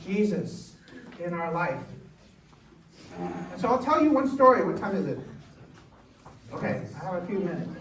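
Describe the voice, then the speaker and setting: Priest teaching kids, slow halting delivery, distant mic in an echoey hall with children. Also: male voice, sits high, slight background noise. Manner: slow, halting, with many fillers and restarts. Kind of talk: Lenten lesson for children. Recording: roomy hall, crowd behind, far off.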